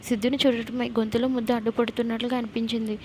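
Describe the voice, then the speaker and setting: Woman narrating a story, flat and high. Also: fast, slight background noise, low-quality recording. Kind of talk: scripted story narration with dialogue.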